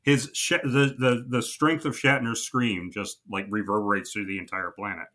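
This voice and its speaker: A man's voice: steady tone, moderate pace, pushed and bright. A man co-hosting a podcast, bantering and riffing jokes about a film. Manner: jokey banter with big swings in pitch. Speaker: podcast co-host. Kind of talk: casual movie chat.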